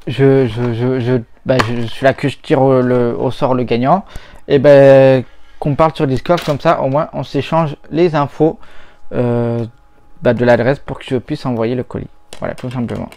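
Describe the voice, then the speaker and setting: A man talking casually about old console games as he tests them, rambling and hesitant, often pausing on little filler words. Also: mid-range voice, fairly even intonation, dark tone. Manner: rambling, hesitant, full of "voilà" and "hop". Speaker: retro gaming YouTuber. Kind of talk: casual chat while testing games.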